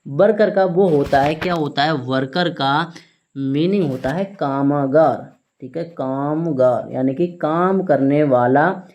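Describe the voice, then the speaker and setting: A man teaching an English vocabulary lesson in Hindi, asking his students questions and answering them himself, spelling words out slowly letter by letter and saying "theek hai" often. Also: a little high, a little mellow. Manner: repeats "ठीक है" often.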